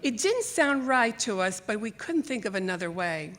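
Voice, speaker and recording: With a medium-pitched voice and a moderate pace, an older woman shares her memoir essay before a live audience in a library theater. Raised first in Greek or Italian, she emigrated from Greece to America as a child, and she reads expressively, voicing the dialogue she recalls.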